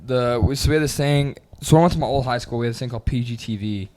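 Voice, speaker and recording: A young man on a casual podcast, telling a story in a lively way and acting out the voices of the people in it. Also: mid-range voice, fast. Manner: animated storyteller, acts out voices and hums loudly. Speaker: podcast co-host. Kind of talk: casual chat.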